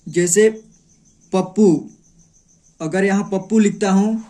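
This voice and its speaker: A man with a fairly high voice teaches the script slowly, breaking words into syllables and saying each sound several times. He speaks unhurriedly and patiently, pausing between short phrases. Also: dark tone. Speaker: Hindi teacher. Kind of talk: slow step-by-step lesson.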